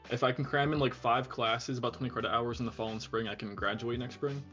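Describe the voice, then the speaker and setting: Young man, student trader, easygoing and halting, dull audio, faint music behind. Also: medium pitch, steady tone, a bit bright. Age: young adult. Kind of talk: casual trading chat.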